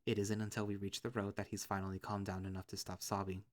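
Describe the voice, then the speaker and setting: A young man reading a visual novel aloud in first person, with steady, earnest storytelling. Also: lowish voice, fast talker.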